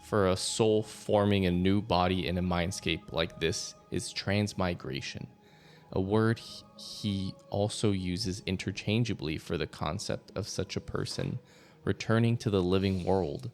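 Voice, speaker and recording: Very deep, gravelly-voiced man. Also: unhurried, soft background music. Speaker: player. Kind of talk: tabletop role-play and reading aloud.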